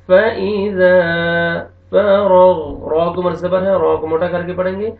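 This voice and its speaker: A man teaching Quran recitation online, drawing out each word slowly and then explaining the rules quickly. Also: high-pitched, flat delivery. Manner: slow drawn-out recitation alternating with quick explanations. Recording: echoey, distant, tinny phone-like sound.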